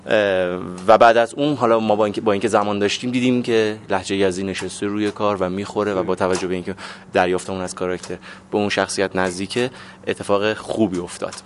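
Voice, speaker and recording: A man's voice: fairly low pitch, steady tone, a little hiss or hum. A man, a stage actor, explaining his choices in an interview with frequent fillers. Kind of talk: interview answer.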